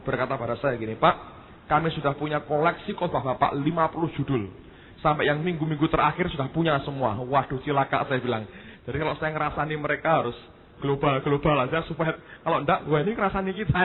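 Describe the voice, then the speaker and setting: A man's voice: fairly high pitch, slight background noise. A male pastor, preaching a sermon as a story and often addressing the congregation directly. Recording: tinny phone-like sermon recording.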